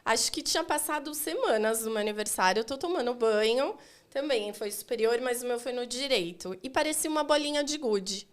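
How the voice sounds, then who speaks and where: A woman's voice: a little high, a little fast. A woman in her forties, a podcast guest, talking in a casual, reflective way. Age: 40s. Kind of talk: casual chat.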